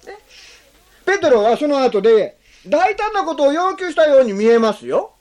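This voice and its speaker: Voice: sits high, big pitch swings, darkish tone. A pastor preaching a sermon, asking the congregation questions and adding frequent tag words between phrases. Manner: slows on key phrases, speeds up when explaining.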